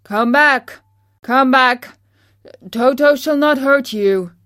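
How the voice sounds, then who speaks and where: A woman voicing a kind, humble male tin woodman in a storybook reading, measured, courteous and earnest. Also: lowish voice, a little mellow, no echo, clean studio sound. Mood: calling, urgent.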